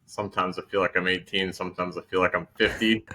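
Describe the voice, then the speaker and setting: A man's voice: low-pitched, quick pace, a little hiss or hum. A man in his thirties, a podcast guest, talking casually and joking, with frequent ums. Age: 30s. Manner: relaxed, joking, hesitant with ums. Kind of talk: casual conversation.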